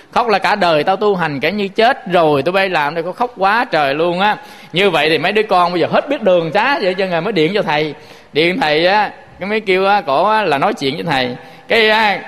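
High-voiced Southern Vietnamese monk preaching. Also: male voice, fairly bright tone, big-room sound. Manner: storytelling, addresses listeners often. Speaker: Buddhist monk. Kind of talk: sermon.

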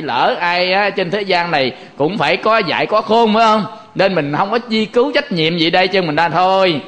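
A man with a Southern Vietnamese accent giving a Buddhist dharma talk in a folksy, animated way, acting out little quoted exchanges. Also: high-pitched. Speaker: Buddhist monk teaching.

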